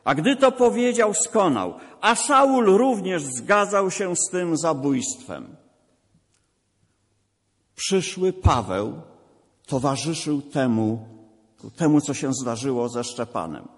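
A man's voice: a little high, lively intonation, slow, big-room sound. A man preaching a sermon, asking rhetorical questions and repeating emphatic refrains.

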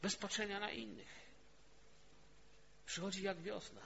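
Male preacher, fairly high voice, storytelling sermon with quiet-to-loud swings; dull lo-fi capture. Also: fairly even intonation, measured pace, vocal fry, slight background noise. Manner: storytelling, swings from hushed to emphatic. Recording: dull lo-fi recording.

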